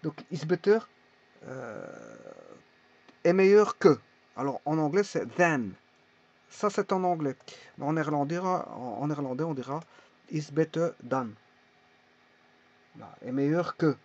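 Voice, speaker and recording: A man teaching a language lesson in a casual, halting way, pausing often to think. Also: on the high side, animated, gravelly, a little mellow. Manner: halting, many fillers and restarts. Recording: dull lo-fi recording.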